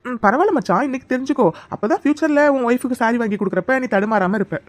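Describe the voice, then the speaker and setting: A woman's voice: a little high, very fast, dry recording, natural voice. Woman voicing a joking young man. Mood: friendly. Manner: friendly, joking. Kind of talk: cartoon dialogue.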